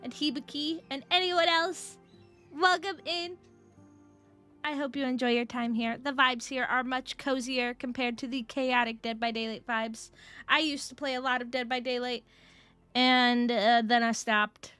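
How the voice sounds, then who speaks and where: Female VTuber, cute anime-streamer manner, bright and fairly high, casual livestream chat over faint music. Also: fairly even intonation, moderate pace, smooth, no room sound. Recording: music behind the voice. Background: game music.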